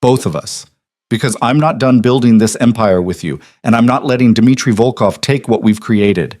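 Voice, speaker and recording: A man's voice: mid-range voice, normal speed, darkish tone, natural voice. A man voicing a composed, defiant young woman who speaks firmly. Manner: firm, resolute.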